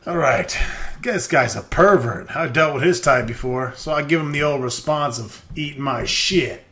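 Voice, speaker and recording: A man reading a game's narration aloud in a deadpan delivery, breaking in with profane, mocking jokes as a let's player. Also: fairly high pitch, normal speed. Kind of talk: reading game text aloud with crude jokes.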